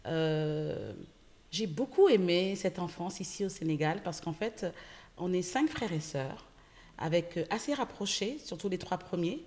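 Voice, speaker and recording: A woman from Senegal, a guest entrepreneur, telling stories in a casual interview, lively, with many fillers. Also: lowish voice, measured pace. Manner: lively storytelling with frequent fillers. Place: podcast studio.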